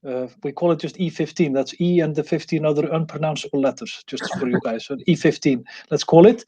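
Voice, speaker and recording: Icelandic-born male professor, mellow tone, muffled video-call sound. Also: on the high side, husky. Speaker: guest professor. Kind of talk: academic presentation.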